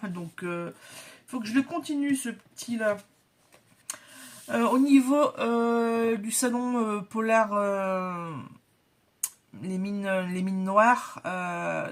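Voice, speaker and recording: A woman's voice: mid-range voice, slow. A woman from northern France chatting casually through an unboxing vlog, with many hesitations and the product names whispered. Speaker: vlogger.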